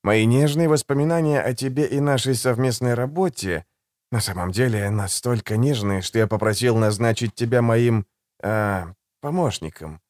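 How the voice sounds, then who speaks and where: A man's voice: medium pitch, moderate pace, no echo, studio quality, close to an everyday voice. A man doing a silky, sardonic assassin, Pearl. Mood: silky, ironic. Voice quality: soft, silky and condescending. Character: suave sardonic male assassin, low and smooth. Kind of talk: audiobook character voice.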